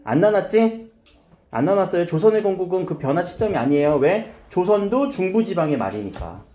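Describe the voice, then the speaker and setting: A man teaches a class in a fairly high voice that swings widely up and down. He keeps firing questions at his students and nudging them toward the answers. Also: very animated, a little fast, warm tone. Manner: asks students questions and coaxes answers, repeats key terms. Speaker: high school Korean teacher. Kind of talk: classroom grammar lesson.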